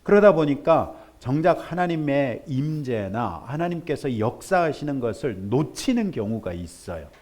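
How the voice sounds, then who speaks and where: A male pastor preaching a sermon, telling a story with lively acted-out voices for the people in it. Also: mid-range voice, normal speed, hardly any pauses. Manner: animated storytelling, acts out characters in raised voice.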